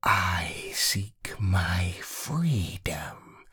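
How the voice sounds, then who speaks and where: A man reading aloud, voicing a cold, secretive scheming woman in a slow, hushed, breathy way. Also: deep voice, animated, heavily acted.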